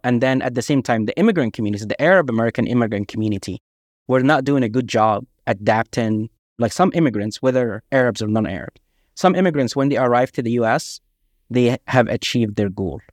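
A man from Egypt, a guest author telling emphatic, animated anecdotes in a casual interview. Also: mid-range voice, a little fast, no echo, studio quality. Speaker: guest, author and army veteran.

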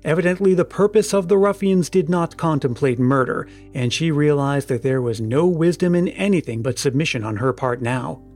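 Measured male audiobook narrator. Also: fairly high pitch, a little mellow, soft background music. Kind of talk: scripted narration.

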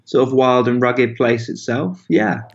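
A man, an author speaking as a podcast guest, in a measured, hesitant way with fillers. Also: medium pitch, flat delivery, dull audio. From Wales. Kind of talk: podcast interview.

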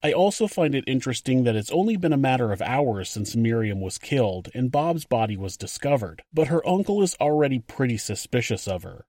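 A man hosting a true crime podcast, reading a scripted narration in a measured way and commenting on the evidence. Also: medium pitch, lively intonation, mellow, no echo, clean studio sound.

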